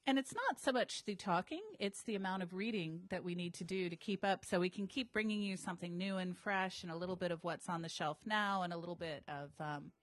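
A woman's voice: lowish voice, fairly quick, few pauses, no echo. A woman co-hosting a bookshop podcast in casual, conversational talk. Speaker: co-host, bookseller.

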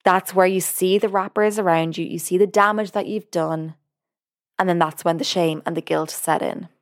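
A woman hosting a podcast, explaining binge eating in an earnest, measured way as a coach who supports clients. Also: fairly low pitch, steady tone. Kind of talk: podcast monologue.

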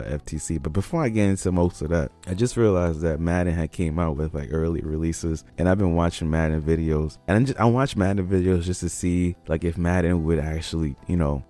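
A man with a very low, dark voice hosts a casual gaming podcast while fighting a cold, so he sounds a little stuffy. He rambles in a relaxed way, restarting sentences and chuckling as he goes. Faint music plays underneath. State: congested from a cold. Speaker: podcast host.

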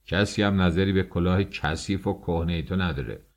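A man voicing a gruff, scolding mustached male doorman at a government office in an audiobook. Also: low voice. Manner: barking, scolding.

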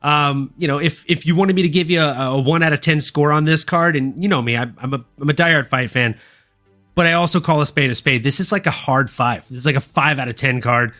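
Soft music runs under a man hosting a sports podcast, his voice a little high, brisk, pushed and bright. He walks fight fans through the card in an upbeat, slangy, showman-like recap.

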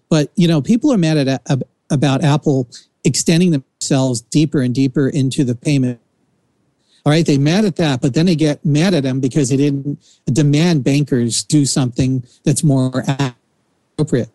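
Jersey guy, kinda higher voice but dark and mellow, dry close sound, rambles opinions. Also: no echo. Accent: New Jersey. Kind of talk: casual chat.

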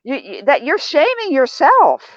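An older woman talking as an interview guest, animated and acting out the remarks she quotes in shifting tones. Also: high voice, unhurried, dry recording, lo-fi sound. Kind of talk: casual interview talk.

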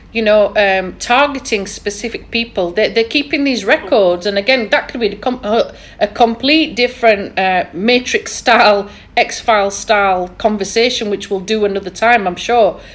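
A woman's voice: mid-range voice, moderate pace, a bit bright. A woman with a thick Yorkshire accent, chatting casually and rambling with lots of fillers. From England. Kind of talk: casual chat.

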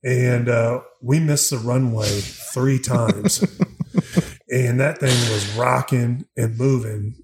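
A man of medium pitch tells easygoing, rambling stories in casual podcast chat. He talks loosely, with plenty of fillers and asides. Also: fairly even intonation, slow pace, darkish tone.

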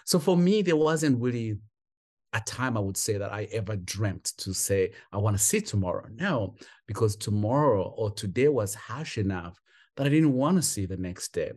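Speaking at normal speed, this man's expressive voice sits on the low side and has a slightly mellow quality. He is from Uganda and is a foster parent guesting on a podcast, where he recounts his life story with emphasis and heart in an interview.

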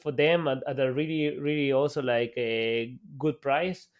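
Guy from el salvador on a podcast call, lots of uhs and restarts, average pitch. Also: steady tone, clean tone, lo-fi sound. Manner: halting, many fillers and restarts. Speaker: entrepreneur guest. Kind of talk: podcast interview.

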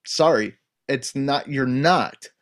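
A man's voice: mid-range voice, slow. A man in a casual podcast conversation, talking bluntly and emphatically with frequent swearing. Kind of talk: casual opinionated chat.

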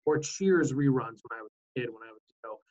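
A man in his forties co-hosting a casual talk show, telling stories in an easygoing way with halting fillers. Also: medium pitch, animated, darkish tone. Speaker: co-host. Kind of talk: casual chat. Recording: dull lo-fi sound.

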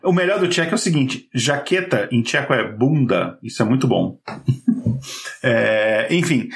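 A man's voice: mid-range voice, creaky. Brazilian man explaining casually with chuckles. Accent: Brazilian Portuguese. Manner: explanatory, chuckling, many fillers and restarts. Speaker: podcast co-host. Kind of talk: casual chat.

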